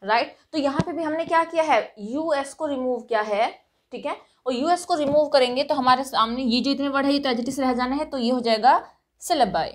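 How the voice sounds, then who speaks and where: A woman's voice: high-pitched, moderate pace. A woman with an Indian accent, teaching English grammar for competitive exams, explaining patiently and checking in often. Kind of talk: exam-prep grammar lesson.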